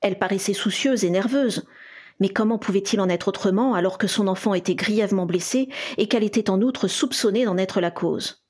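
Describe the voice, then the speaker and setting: A woman narrating a fan fiction audiobook in a steady storytelling manner. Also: mid-range voice, brisk, husky. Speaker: audiobook reader.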